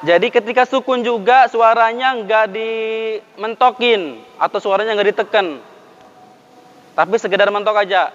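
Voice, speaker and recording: A man with an Indonesian accent teaching Quran recitation to a class, drilling letter sounds slowly and urging the students to repeat after him. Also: high-pitched, fairly bright tone, in a large hall, dull audio, a little hiss or hum. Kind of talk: classroom tajwid lesson with call-and-response drills.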